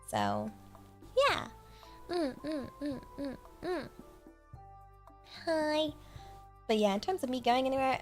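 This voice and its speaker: High-pitched, cute British anime-style streamer woman. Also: darkish tone. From Britain. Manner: cute anime-streamer delivery with playful Japanese thank-yous. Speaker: VTuber livestream host. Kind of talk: casual livestream chat, reading out and thanking supporters. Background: music.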